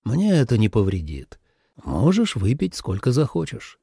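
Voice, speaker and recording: A man voicing a calm, patient young male god who speaks in a subdued, measured way. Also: mid-range voice, gravelly, breathy edge, no room sound, clean studio sound, heavily acted.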